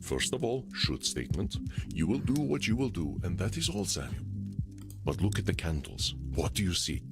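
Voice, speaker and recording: Game mentor: solemn, measured and formal, low but animated delivery. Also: male voice. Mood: calm, firm. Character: solemn, measured male mentor guiding a younger therapist. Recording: loud music behind the voice.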